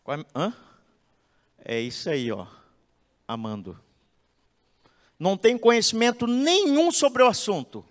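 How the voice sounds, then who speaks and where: Pastor, animated sermon-style talk, slightly high voice, echoey church hall. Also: male voice, a little slow, pauses often. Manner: animated, acts out quotes, asks "entende?". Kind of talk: expressive sermon-style lecture.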